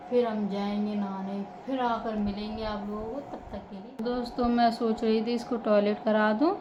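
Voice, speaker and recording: A young woman vlogging casually from home, chatting with viewers and cooing at a baby in loud sing-song baby talk. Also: medium pitch, reverberant, lo-fi sound, noisy background. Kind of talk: casual home vlog chat.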